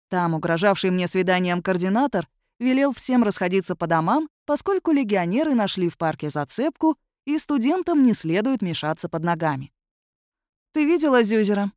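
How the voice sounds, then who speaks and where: A woman's voice: medium pitch, darkish tone, dry recording, clean studio sound. A woman reading a first-person fantasy novel aloud, in a wry, ironic storytelling manner. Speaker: audiobook narrator. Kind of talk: first-person audiobook narration.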